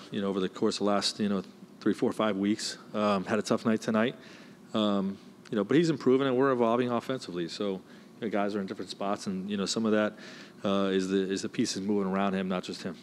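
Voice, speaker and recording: Low-voiced man coach at postgame presser. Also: fairly even intonation, slight background noise. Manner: measured, many "you know" fillers. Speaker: head basketball coach. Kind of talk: postgame press conference answers. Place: indoor press room. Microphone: desk mic, close.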